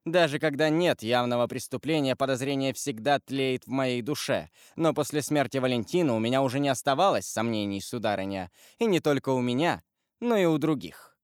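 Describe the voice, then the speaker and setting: A man's voice: medium pitch, lively intonation, brisk, clean tone, no echo, close to an everyday voice. Storybook reading: a man playing a cold, commanding prosecutor, accusing and contemptuous, in a dry, close sound. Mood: coldly accusing. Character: cold, stern royal prosecutor, middle-aged husband.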